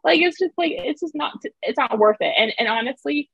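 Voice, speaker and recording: A woman's voice: high voice, expressive, brisk, vocal fry, a bit bright, no room sound, dull audio. A woman in a casual interview, talking emphatically and repeating phrases to drive a point home. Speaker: interview guest, author and video creator.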